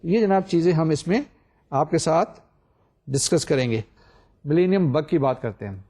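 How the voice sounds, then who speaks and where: A man's voice: on the high side, animated, dark tone. An older man giving a recorded university lecture, explaining step by step and asking the class rhetorical questions.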